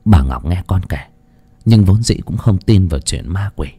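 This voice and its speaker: A man's voice: sits low, lively intonation, mellow, husky. A man narrating a horror story in a dramatic, ominous manner. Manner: dramatic, slow and ominous at times.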